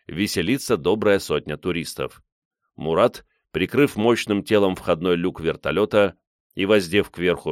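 A man narrating a story as an audiobook in a wry, lively storytelling manner. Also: low voice, no echo, studio quality.

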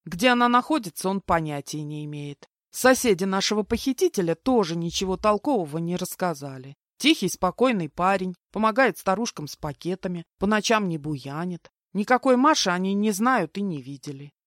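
A woman reading as a brash, teasing young woman who speaks bluntly and gets excited easily, pitched a touch above the narrator's own medium voice. The audiobook recording is dry and close, with no room sound at all. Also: brisk, hardly any pauses, no echo, close to an everyday voice. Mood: gossipy. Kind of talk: audiobook character voice.

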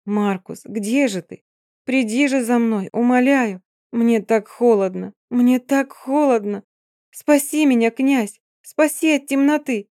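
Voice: medium pitch, normal speed, a little mellow, no room sound, studio quality, lightly acted. An audiobook narrator voicing a seductive, mocking female water spirit with a sing-song, teasing manner. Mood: pleading. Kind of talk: audiobook reading.

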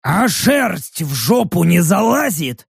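A man's voice: sits high, big pitch swings, slow pace, vocal fry, slightly rough, no room sound, clean studio sound, heavily acted. A man voicing a crude, teasing male soldier companion. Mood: mocking.

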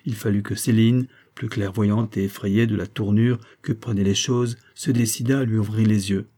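A man reading a classic novel aloud in measured, even storytelling. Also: fairly low pitch. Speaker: audiobook reader. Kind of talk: scripted narration of a classic novel.

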